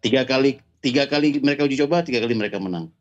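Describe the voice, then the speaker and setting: A man's voice: medium pitch, rapid-fire. A man in his forties, a guest and former national team striker, answers hesitantly with many fillers over a remote call line that keeps breaking up. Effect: call line with dull, lo-fi sound that keeps breaking up. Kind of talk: casual interview answers.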